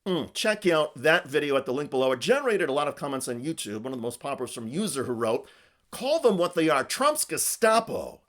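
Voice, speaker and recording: A man's voice: a little high, very animated, fairly quick, fairly bright tone, some chatter behind. A man hosting a scripted political news commentary with an emphatic, punchy delivery.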